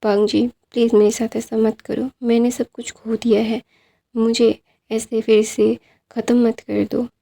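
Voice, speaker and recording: Desperate jilted woman, pleading, mellow creaky tone, read by a woman narrator. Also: on the high side, little pitch movement, a little slow. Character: desperate adult woman, pleading rejected rival.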